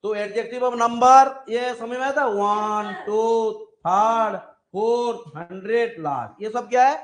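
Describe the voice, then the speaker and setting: A man's voice: extremely high pitch, slow pace. A man teaching a classroom grammar lesson, with an Indian English accent, explaining through many examples and often checking whether students understand.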